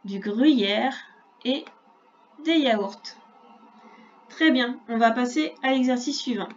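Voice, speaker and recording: A woman teaching a reading lesson to young children, speaking slowly and clearly and spelling out sounds patiently. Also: on the high side, muffled recording, soft background music. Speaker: primary school teacher.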